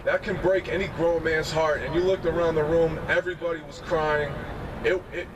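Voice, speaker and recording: Man, high-pitched and impassioned, speaking at a rally; recorded from a distance with loud traffic noise. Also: steady tone, normal speed. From United States. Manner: impassioned, repeats phrases for emphasis. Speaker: protest speaker. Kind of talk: outdoor rally speech. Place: outdoors on a city sidewalk.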